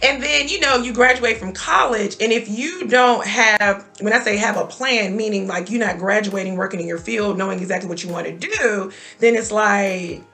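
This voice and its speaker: A woman's voice: medium pitch, normal speed, hardly any pauses, sharp tone. A woman in her thirties talking earnestly about faith and telling her own story as a guest on a talk show. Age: 30s.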